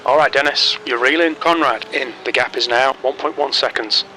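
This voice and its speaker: A man doing an automated race spotter who gives terse, clipped radio calls in a flat, businesslike way. The voice is very bright and sharp-edged. A faint hiss of noise sits underneath. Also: mid-range voice, normal speed, lightly acted, poor audio.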